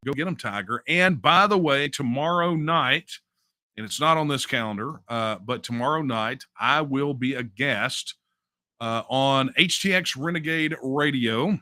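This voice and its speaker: A man's voice: medium pitch, pushed and bright, no echo. A middle-aged man hosting a casual livestream, reading viewer messages with mocking asides and lots of "uh" fillers. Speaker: host.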